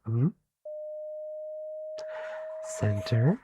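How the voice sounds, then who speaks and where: Playing a gentle, kind animal doctor for ASMR, a soft-spoken performer speaks in an expressive, medium-pitched voice, encouraging and soothing with deliberate pauses. There's heavy background noise.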